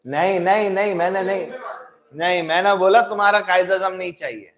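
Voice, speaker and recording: A man's voice: high voice, steady tone, fairly quick, a bit bright. A man teaching economics to a class, asking repeated questions and mixing in English. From Pakistan. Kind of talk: classroom lecture.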